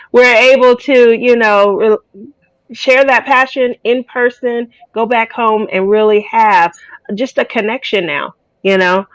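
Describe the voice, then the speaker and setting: A woman's voice: mid-range voice, no room sound, poor audio. Rambling, dry-sounding woman chatting. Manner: rambling, with many fillers. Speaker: guest. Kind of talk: casual chat.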